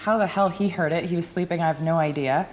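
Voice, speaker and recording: A woman's voice: lowish voice, quick pace, darkish tone, soft background music. A woman hunter telling a hunting story in a casual way, laughing often.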